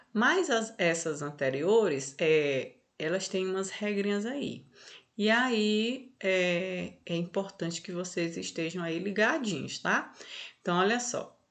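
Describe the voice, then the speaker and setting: A woman teacher with a Brazilian accent going over answers in an online class, unhurried, often checking in with "tá?" and "olha só". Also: mid-range voice, fairly bright tone. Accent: Brazilian Portuguese.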